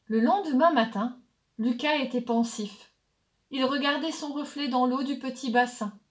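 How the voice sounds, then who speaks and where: A woman narrating a children's story in a calm, soft, measured way. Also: high voice.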